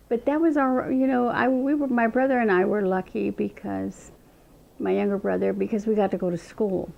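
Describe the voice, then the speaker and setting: In a low-quality recording, a medium-pitched woman's voice with vocal fry and a dark tone tells of her childhood for an oral history interview. She is an older state representative, born in Montana and raised in Eastern Washington, reflecting slowly and often restarting her sentences.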